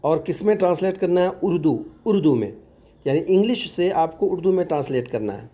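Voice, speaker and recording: A man's voice: a little high, lively intonation, fairly quick, mellow. A man working as an online tutor, patiently explaining a phone app step by step in a tutorial voice-over and repeating words as he goes.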